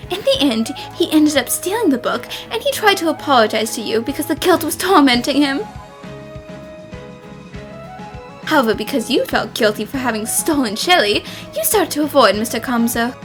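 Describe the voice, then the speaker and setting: Excitable high-pitched anime girl detective, overacted. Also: fairly quick, hardly any pauses. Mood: explanatory. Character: excitable, theatrical young female detective. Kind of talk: overacted anime-style fan dub. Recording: voice over faint music. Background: faint music.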